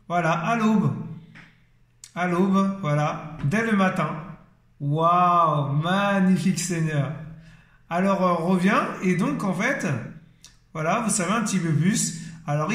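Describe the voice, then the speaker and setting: A man's voice: high-pitched, fairly bright tone. A man teaching an informal Bible word study, enthusiastic and full of exclamations of praise, often hesitating with fillers. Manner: hesitant, many fillers and restarts. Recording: echoey room.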